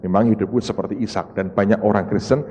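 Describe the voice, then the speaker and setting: A man's voice: fairly even intonation, fast, warm tone. A man from Indonesia, preaching a dramatic sermon and acting out the people in his story. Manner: dramatic storytelling, voicing others in rising high-pitched outbursts and repetitions. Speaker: pastor. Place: large church. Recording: long reverb of a large church hall.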